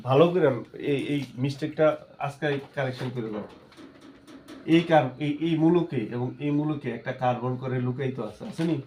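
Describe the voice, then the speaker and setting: Man teaching chemistry, higher voice. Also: darkish tone. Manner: asks students questions and answers them himself. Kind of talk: classroom lesson.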